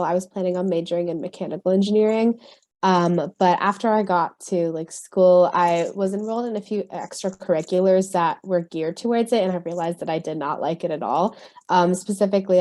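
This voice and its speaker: Young woman from california on a video call, lowish mellow voice, lots of ums and likes. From California, USA. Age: 20s. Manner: hesitant, many ums and likes. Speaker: university student panelist. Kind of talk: casual panel talk on a video call. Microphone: video call mic.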